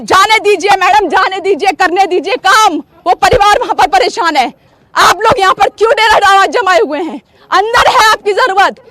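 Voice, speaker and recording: A woman's voice: very high-pitched, noisy background. A woman field reporter questioning officials on the spot outdoors, insistent and confrontational, her voice breaking with emotion at times. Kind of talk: live on-the-spot news reporting. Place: outdoors at a police barricade.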